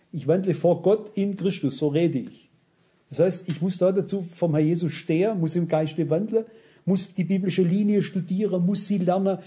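A man's voice: sits high, mellow. A man preaching a blunt, emphatic sermon, often asking his listeners rhetorical questions and citing scripture. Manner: quotes scripture references. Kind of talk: sermon to a congregation.

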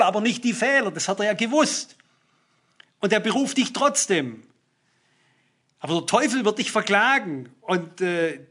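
A man's voice: high-pitched, bright, forceful tone. A man preaching a sermon, reading Bible verses aloud and explaining them earnestly and emphatically.

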